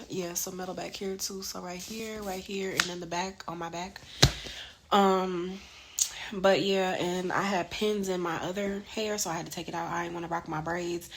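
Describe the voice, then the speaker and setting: A woman's voice: on the low side, little pitch movement, normal speed, background noise. A woman vlogger, chatting casually and ranting heatedly with cursing. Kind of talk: casual chat.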